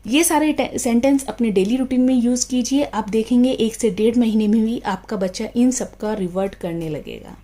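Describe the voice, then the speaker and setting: High-voiced woman teaching parents. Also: normal speed, few pauses, mellow. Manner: mixes Hindi with English phrases, addresses viewers as friends; acts out a mother calling her child. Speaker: parenting tutor teaching English phrases. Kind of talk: casual home lesson to parents.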